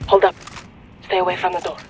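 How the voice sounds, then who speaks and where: An actress playing a guarded young female rebel commander in a video game, giving terse, hushed orders. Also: lowish voice, level tone, fast, close to an everyday voice. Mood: focused, guarded. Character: steely, guarded female rebel commander leading a covert mission. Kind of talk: video game dramatic acting. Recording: noisy street ambience behind game dialogue.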